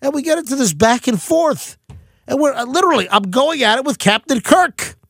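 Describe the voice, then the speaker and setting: A middle-aged man hosting a talk radio show, ranting in a quick, animated monologue full of asides and restarts. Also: very high-pitched, creaky, no echo, clean studio sound.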